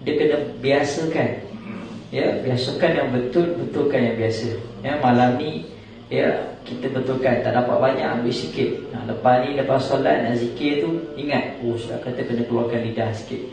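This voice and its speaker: A man's voice: medium pitch, vocal fry, a little mellow, a little hiss or hum. Man, recitation teacher, chanted examples, heavy hall echo, distant mic. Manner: explains slowly, chants verses, tells jokey anecdotes. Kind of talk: tajwid class with recited examples. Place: large echoing prayer hall.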